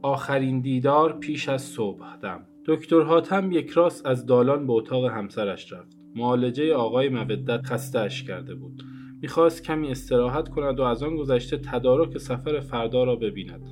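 A man reading a novel aloud as an audiobook in a measured, calm way. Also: mid-range voice. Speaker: audiobook narrator. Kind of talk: scripted literary narration. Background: faint guitar music.

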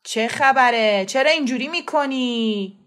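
A woman reading a storybook voices a scruffy, belligerent male caretaker who shouts hoarsely and talks rudely. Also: a little high, voice pushed up, natural voice. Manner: rude, bullying.

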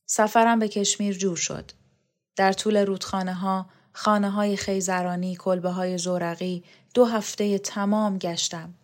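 A woman reading a novel aloud, voicing a devoted, wistful man who recalls the past in a soft, dreamy way. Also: mid-range voice, level tone, lightly acted. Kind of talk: audiobook character reading.

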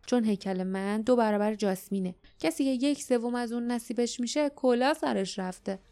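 A woman voicing a big burly grown man who speaks loudly and bluntly. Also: fairly high pitch, close to an everyday voice. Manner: loud, blunt.

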